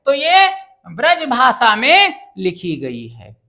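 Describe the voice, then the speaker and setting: A woman's voice: on the high side, huge pitch swings, slow pace, pushed and bright. A woman teaching an exam-prep grammar lesson who keeps asking the class questions and answering them herself.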